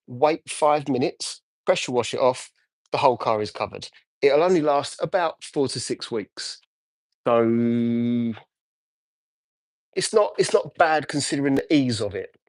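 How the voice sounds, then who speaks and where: A man's voice: medium pitch, dry recording. A man live-streaming as he details a car, chatting casually and answering viewer comments as he works. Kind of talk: casual live-stream chat while working.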